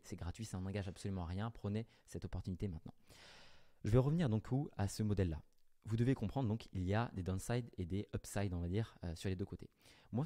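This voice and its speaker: This man, a business coach, addresses the camera directly and explains offers at a brisk clip, correcting himself mid-thought. He sounds mellow, with a pitch that sits on the lower side.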